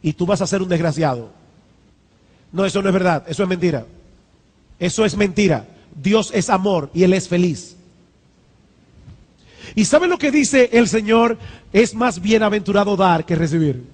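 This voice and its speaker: A male pastor delivers a sermon with a high, bright voice, repeating his points for emphasis and pressing them home with rising fervor. His words ring out with a long reverb from the church hall around him. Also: expressive, moderate pace, pauses often, breathy edge. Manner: emphatic preaching with repeated lines and rising exhortations.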